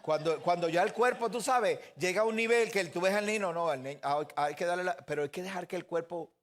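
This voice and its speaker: A pastor giving a sermon in an earnest way, often putting questions straight to the listeners. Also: male voice, sits high, brisk, a bit bright.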